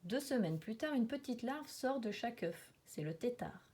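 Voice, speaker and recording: Une femme lit un livre documentaire sur la nature pour enfants, comme une conteuse expressive qui souligne certains mots avec emphase. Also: female voice, a little high, moderate pace, slightly rough. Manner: storytelling, dramatic emphasis on repeated words and sound words. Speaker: reader of a children's nature book. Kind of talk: expressive nature documentary narration, read aloud for children.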